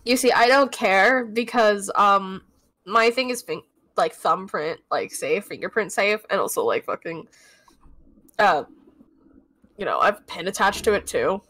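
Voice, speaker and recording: A woman's voice: mid-range voice, animated, unhurried, fairly bright tone. Offhand, sweary young woman guest. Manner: offhand, sweary, trailing fillers. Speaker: guest co-host. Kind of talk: casual commentary chat while watching a show.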